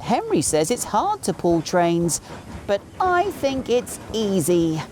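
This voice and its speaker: A man voicing a cheeky, impatient young male tank engine in an excitable, self-important manner for a children's storybook. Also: sits high, slow pace, slight background noise, voice pushed up, exaggerated voice. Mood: proud, excited.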